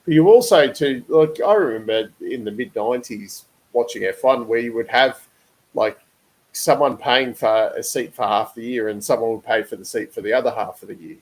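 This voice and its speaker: A man's voice: medium pitch, moderate pace, low-quality recording. Young man, casual motorsport co-host, rambling and full of fillers; mid-range voice. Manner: rambling, thinks aloud with fillers. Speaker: podcast co-host.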